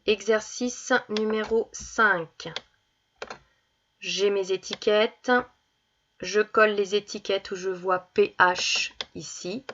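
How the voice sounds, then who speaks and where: A woman teaching young children, reading words slowly and clearly and stressing each one as she goes through worksheet exercises. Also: mid-range voice, little pitch movement, fairly bright tone, muffled recording, slight background noise. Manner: slow, deliberate, stresses each word. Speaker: primary school teacher.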